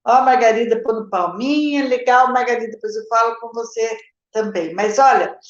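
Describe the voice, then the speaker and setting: A woman's voice: a little high, moderate pace, roomy sound, muffled recording. A woman with a Brazilian Portuguese accent, a literacy teacher answering viewer questions in a live session, explaining step by step and checking in with her viewers. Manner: explanatory, addresses viewers directly with "gente" and "tá?".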